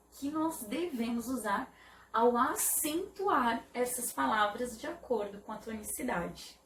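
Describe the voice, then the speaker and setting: A woman teacher giving an online video lesson, explaining slowly and carefully and often checking in with "né?". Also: fairly high pitch, slight background noise. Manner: slow, careful explanation with repeated "né?". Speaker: Portuguese teacher. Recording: echoey room, voice from a distance.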